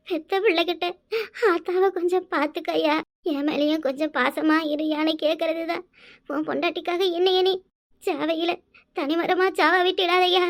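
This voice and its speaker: A woman voicing an aging village mother with a southern Tamil village dialect, reproachful and pleading with her son in a cartoon. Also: very high-pitched. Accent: southern Tamil Nadu village dialect. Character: aging village mother, grief-stricken and scheming. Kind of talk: cartoon voice acting.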